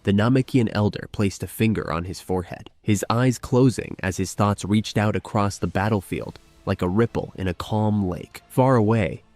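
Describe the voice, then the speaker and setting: A man narrating a scripted fan fiction story with steady, dramatic storytelling. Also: fairly low pitch, moderate pace, hardly any pauses, no echo, faint music behind.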